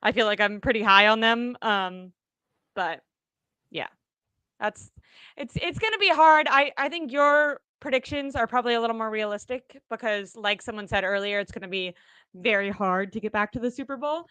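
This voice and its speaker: Bright, upbeat woman chatting about football. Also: on the high side, animated, normal speed, clear, resonant tone, no room sound. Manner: chatty, upbeat, self-deprecating. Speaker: co-host. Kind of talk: casual sports chat.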